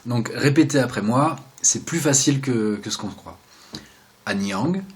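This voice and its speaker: A young man giving a casual, joking video lesson, explaining step by step and often trailing off into quiet asides. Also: mid-range voice, normal speed. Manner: chatty, joking asides, drops to quiet mumbles. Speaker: video host teaching sign basics.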